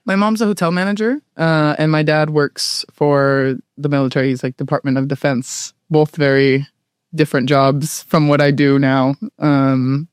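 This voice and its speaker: In a dry, studio-quality recording with a clean tone, a guest in their late 20s speaks at a moderate pace with a medium pitch and fairly even intonation. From Southern California and American-accented, they keep the interview chat casual, laugh readily, and fill pauses with "like" and "um."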